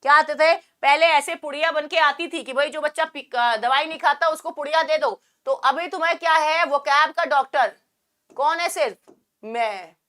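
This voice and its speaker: A young woman with a sore throat teaching an online vocabulary class, joking and firing quick questions at her students. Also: sits high, sharp tone. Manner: playful, jokey, quizzing students with quick questions. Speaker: English teacher.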